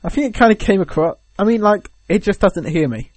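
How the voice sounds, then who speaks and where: A man's voice: high voice, lively intonation, brisk, darkish tone, no room sound. A young British man co-hosting a podcast, chatting casually in a rambling, hesitant, joking way. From Britain. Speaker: podcast co-host. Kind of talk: casual chat.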